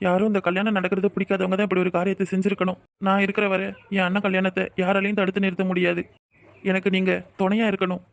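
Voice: mid-range voice, no room sound, close to an everyday voice. A voice actor doing a protective young cartoon man. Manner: reassuring, firm. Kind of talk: cartoon voice acting.

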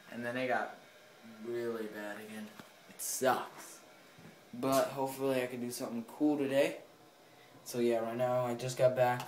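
A man's voice: medium pitch, a little hiss or hum, poor audio. A teenage boy vlogging casually while walking his dog outside, talking in a loose, mumbling way. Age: teens. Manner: casual, mumbling, swears lightly. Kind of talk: casual vlog.

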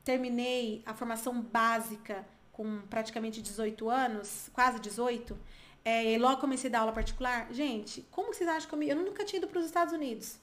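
High-voiced, chatty Brazilian woman teacher. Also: fairly quick. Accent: Brazilian Portuguese. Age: 30s. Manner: lively, chatty, addresses viewers directly. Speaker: English teacher. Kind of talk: online pronunciation lesson.

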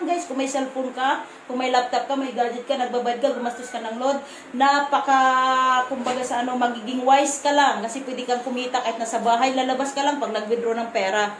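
Visayan woman vlogger, firm blunt delivery with halting restarts, high voice, roomy echo. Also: fairly even intonation, a little hiss or hum. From Visayas, Philippines. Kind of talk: casual vlog to camera. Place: room at home.

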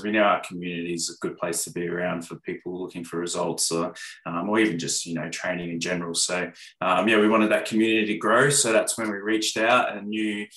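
A man in his thirties, a gym owner, answering interview questions on a video call with steady talk and many ums. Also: low voice, reverberant, low-quality recording. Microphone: video call webcam.

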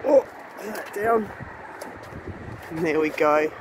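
Speaking slowly with a low pitch and lively intonation, a woman vlogs as she walks through an outdoor car wrecking yard holding her phone. She admires things casually, wonders aloud, and asks rhetorical questions, while wind noise runs through the noisy outdoor recording.

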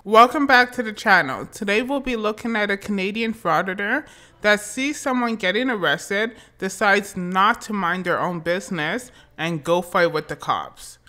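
Woman doing snarky reaction voice-over, crisp bright tone. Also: mid-range voice, normal speed, faint music behind. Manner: sarcastic, teasing. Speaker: commentary channel host. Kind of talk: mocking reaction commentary.

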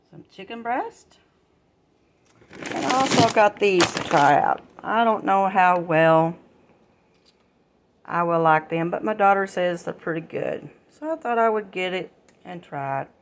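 An older vlogger goes over her grocery haul from her kitchen, recording on a phone and chatting to y'all in a comfortable, homey tone. Her voice is lowish and slow with frequent pauses, and a little hiss or hum runs under the audio.

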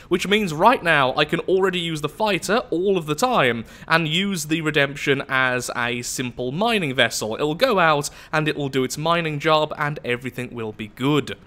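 In a slightly high, pushed and bright voice, a young gameplay commentator with a flu-blocked nose talks his way through a space game. The let's play is chatty and self-mocking, full of thinking aloud.

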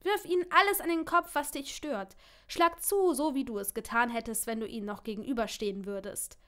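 A woman voicing a soft-spoken caring young man. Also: on the high side, steady tone, fast, lightly acted. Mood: urging. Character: caring young man, gentle and worried boyfriend. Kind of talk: audiobook character reading.

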